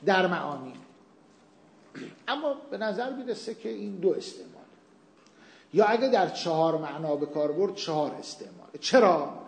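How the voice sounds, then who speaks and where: With a high-pitched, darkish voice in a reverberant space, this man teaches Islamic legal theory at a seminary. He lays out a point patiently using everyday examples, raising questions and answering them himself during a lecture with class discussion.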